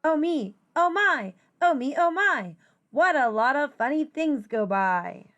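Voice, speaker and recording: A woman teacher reads a rhyming children's picture book aloud, expressive and deliberate with a singsong lilt. Her voice is high-pitched, and the recording has its highs cut off.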